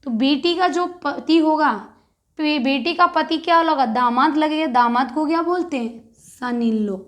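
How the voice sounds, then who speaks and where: A woman's voice: high-pitched, unhurried, a bit bright. A woman teacher explaining a lesson, who asks her class questions and answers them herself and repeats the key words.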